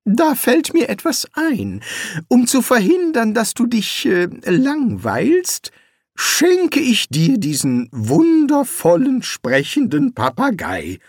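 A man's voice: very high voice, huge pitch swings, takes it slowly, breathy edge, no room sound, clean studio sound, pitched above the performer's own voice, full character voice. A man reading an audiobook, voicing a nervous, cowardly male wizard who is wary and sly. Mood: persuasive. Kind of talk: audiobook character voice.

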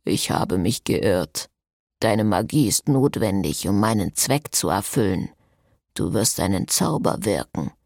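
A woman voicing an ancient, cold and commanding male vampire who speaks slowly and curtly in an audiobook. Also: very deep voice, expressive, vocal fry, a little mellow, dry recording, clean studio sound, voice pushed down, heavily acted. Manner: slow, curt and commanding.

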